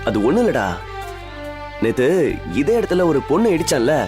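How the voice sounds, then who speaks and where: Brief: actor as a cheeky young villager, lively up-and-down voice, film music behind. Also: male voice, fairly high pitch, normal speed. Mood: sheepish. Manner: taunting, lively teasing. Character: playful lovestruck young village man. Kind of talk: Tamil film dialogue.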